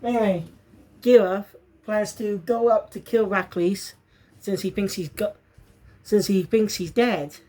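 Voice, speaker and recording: A woman chats through an episode recap in a loose, unscripted way. She often stops to correct herself mid-sentence. Her voice sits at an ordinary middle pitch. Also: unhurried, dark tone. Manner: rambling, self-correcting, bursts into fits of laughter. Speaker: show reviewer. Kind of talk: casual spoken review.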